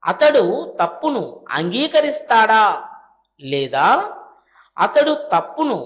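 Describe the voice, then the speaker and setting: A woman with a Telugu accent teaching spoken English, reading each practice question very slowly and then translating it. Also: fairly high pitch, big pitch swings. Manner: reads English sentences very slowly, then Telugu translations; brisk asides to "friends". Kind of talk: language lesson drilling sentences.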